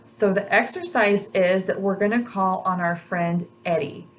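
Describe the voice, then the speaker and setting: Woman teaching rolled R exercises, noisy background. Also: mid-range voice. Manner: repeats practice sounds slowly and encouragingly, with tapped R demonstrations. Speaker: language pronunciation teacher. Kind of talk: instructional pronunciation lesson, demonstrating rolled R exercises.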